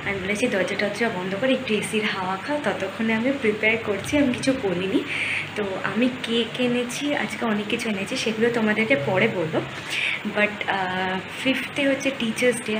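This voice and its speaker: A young woman, talking softly in a casual home vlog, mixing English into her speech. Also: mid-range voice. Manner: hushed, mixing English into Bengali. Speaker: vlogger. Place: home at night. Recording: echoey room with background noise.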